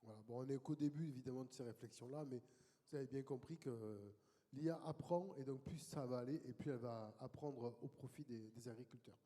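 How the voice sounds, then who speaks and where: A man moderating a conference, welcoming speakers and directing them briskly. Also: medium pitch, mellow. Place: conference hall. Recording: long hall reverb.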